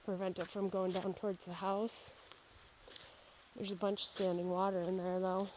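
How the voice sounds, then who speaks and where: Woman, mid-pitched, casual property tour guide talking while walking outdoors by a babbling creek, faint background noise. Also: level tone, moderate pace, a little mellow, low-quality recording. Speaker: real estate agent filming a property walkthrough. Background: outdoor ambience by a babbling creek.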